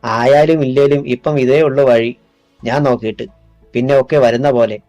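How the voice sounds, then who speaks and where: Male narrator doing a weary father, middle-aged, low tired voice, consoling, storybook thriller, dry sound. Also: steady tone, normal speed, mellow, dry recording, lo-fi sound, soft background music, lightly acted. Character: weary middle-aged father on the run, gentle with his son.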